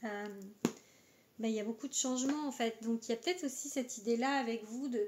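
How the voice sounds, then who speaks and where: A woman's voice: on the high side, quick pace, background noise. A woman giving a casual astrology card reading, talking hesitantly with many filler words. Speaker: oracle card reader.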